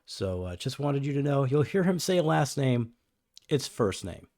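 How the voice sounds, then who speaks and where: A man's voice: medium pitch, big pitch swings, normal speed, a little mellow, no echo. Wry musing male co-host, dry sound. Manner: wry, musing, repeats himself. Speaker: podcast co-host. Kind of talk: casual chat.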